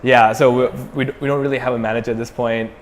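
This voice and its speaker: Talking fast in a mid-range voice, this young man from Sri Lanka fronts a metal band and is being interviewed. He's relaxed, restarting often and using lots of fillers, while a long reverb tail and slight background noise color the audio.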